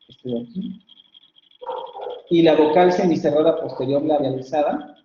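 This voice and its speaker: A man's voice: fairly high pitch, slight background noise. A man from Mexico giving an online university lecture on phonetics, explaining patiently with many fillers and restarts. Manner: explanatory, frequent fillers and self-corrections. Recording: echoey, dull lo-fi online class audio.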